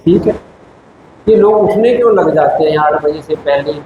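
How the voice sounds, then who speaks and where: A man's voice: on the high side, normal speed, narrow, tinny audio. A man giving a spiritual discourse to a live audience as a teacher, asking emphatic rhetorical questions and explaining patiently. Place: large meditation hall. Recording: very echoey hall with clear background noise.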